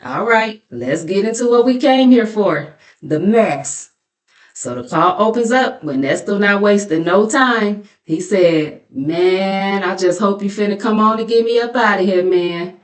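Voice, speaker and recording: With a mid-range voice, lively intonation, and a measured pace, a middle-aged American woman narrates and hosts YouTube reaction commentary. She's gossipy and sassy, colloquial, playfully mocking, and dramatic as a storyteller.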